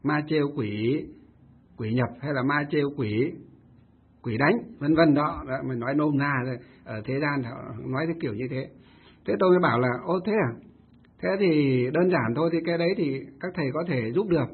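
A male Buddhist monk telling a story in a sermon, getting animated when he stresses a point. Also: on the high side, normal speed, husky. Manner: animated storytelling, rising with emphasis. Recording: tinny phone-like radio sound.

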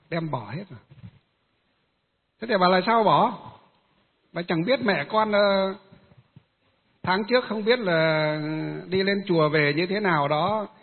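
Monk guy rambling thru a story, lots of uh pauses, kinda husky, phone-thin sound w long echo. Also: a little high, narrow, tinny audio. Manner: rambling, many filler pauses. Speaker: Buddhist monk. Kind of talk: storytelling Dharma talk.

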